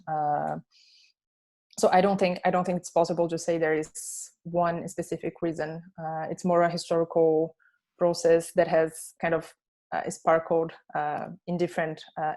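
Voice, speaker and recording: A woman researcher answering questions on a video call, thoughtful and pausing often with filler sounds. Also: low-pitched, mellow. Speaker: researcher presenting findings. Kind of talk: online panel answers.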